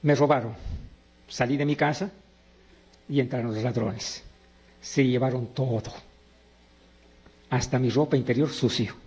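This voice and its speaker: A man's voice: medium pitch, unhurried, pauses often, husky. A middle-aged man preaching a sermon, asking his listeners questions and telling his own stories. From Peru. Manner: animated, asks the audience questions and answers them. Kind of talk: sermon with personal anecdotes.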